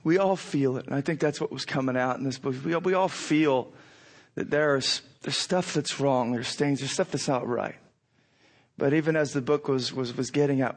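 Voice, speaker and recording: A man giving an informal sermon as a pastor, conversational and repeating phrases for emphasis, his voice froggy and hoarse with a cold. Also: mid-range voice. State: hoarse from a cold, clearing throat. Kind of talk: sermon, informal teaching with scripture reading.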